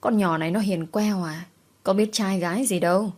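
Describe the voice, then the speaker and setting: A woman's voice: mid-range voice, moderate pace, darkish tone, lightly acted. A woman voicing a soothing older female co-worker who tries to make peace in a storybook reading. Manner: coaxing.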